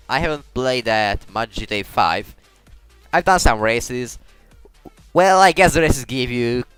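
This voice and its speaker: While playing a game, a man offers casual commentary in a medium-pitched, slightly bright, clean voice. He rambles, trips over his words, and frequently starts sentences over.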